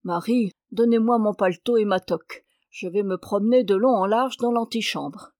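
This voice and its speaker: A woman's voice: mid-range voice, expressive, moderate pace, darkish tone, no room sound, lightly acted. A woman reading aloud, voicing a weary, mildly sarcastic husband who grumbles under his breath. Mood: grumbling. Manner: dry, grumbling. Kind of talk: audiobook character reading.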